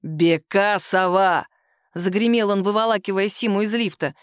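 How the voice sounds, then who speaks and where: Woman, audiobook narrator, fairly high voice, dry close sound, expressive reading. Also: moderate pace, dry recording.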